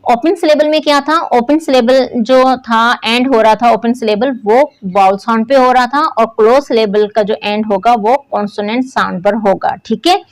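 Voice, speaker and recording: Patient woman teacher, slightly high voice. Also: normal speed, few pauses, rough recording. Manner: patient, repeats points, often checks in with "ठीक है". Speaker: English teacher. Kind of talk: classroom lesson explaining syllables.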